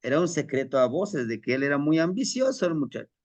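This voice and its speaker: A man's voice: a little high, no room sound, muffled recording. A man, a spiritual teacher telling a parable to his circle, with frequent restarts. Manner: slow, animated, with frequent restarts. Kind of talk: storytelling lesson.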